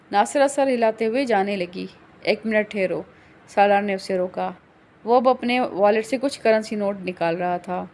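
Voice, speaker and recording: A woman narrating a novel as an audiobook in a steady, even storytelling way. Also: medium pitch, slight background noise.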